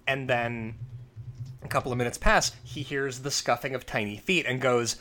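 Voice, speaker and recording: Guy cohosting a podcast, bright voice, rambles thru stories with lots of uhs. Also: mid-range voice, fairly even intonation, moderate pace. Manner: rambling storyteller, many fillers and restarts. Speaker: podcast co-host. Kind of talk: casual chat.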